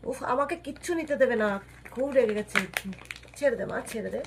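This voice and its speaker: A woman talking to her pet cat in soft, coaxing, pleading baby talk. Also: high voice, quick pace, gravelly, background noise. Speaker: pet owner.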